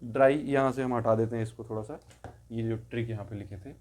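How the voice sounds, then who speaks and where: Male tutor, patient and steady, mid-pitched voice, repeats each form slowly, explains in Hindi, says English forms aloud. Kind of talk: step-by-step grammar lesson.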